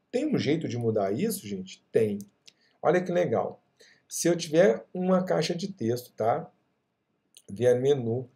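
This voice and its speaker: A middle-aged man walks viewers through a screen-recorded software tutorial. He keeps asking if they are following along. His voice is dark, slightly high and gravelly. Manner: chatty, checks in often with the viewer. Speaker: software instructor.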